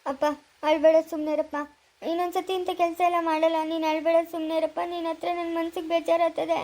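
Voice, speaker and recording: A man's voice: extremely high pitch, level tone, brisk. A young man playing an apologetic young son. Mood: pleading. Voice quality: soft, pleading, apologetic. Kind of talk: amateur village drama acting.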